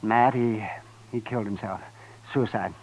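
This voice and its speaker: An actor playing a plainspoken, folksy frontier town doctor in a 1950s radio drama. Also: male voice, fairly low pitch, fairly even intonation, unhurried. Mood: somber. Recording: lo-fi old radio broadcast.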